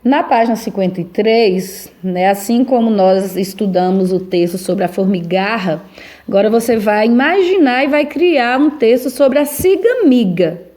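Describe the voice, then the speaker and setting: A woman's voice: fairly high pitch, measured pace, mellow. A woman teacher giving class instructions in an encouraging way, often checking in with tag questions.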